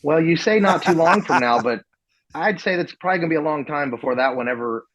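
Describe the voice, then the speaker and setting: A man's voice: on the high side, lively intonation, quick pace, a bit bright, no echo, poor audio. A man who promotes events, a guest chatting casually on a podcast in an easygoing, modest way. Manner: easygoing, modest, with frequent restarts.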